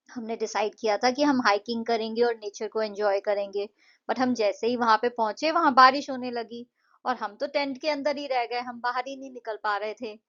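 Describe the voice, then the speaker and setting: A woman explaining an English lesson to children, patiently repeating words slowly to show their syllables. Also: fairly high pitch, fairly bright tone, dull audio. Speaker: English tutor.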